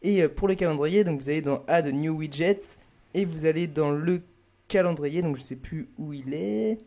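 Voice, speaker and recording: Young guy walking thru an app tutorial, kinda high voice, lots of euh. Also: normal speed, mellow. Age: young adult. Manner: casual, many "euh" fillers, addresses viewers as "vous". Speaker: student fitness youtuber. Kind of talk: screen-recorded software tutorial.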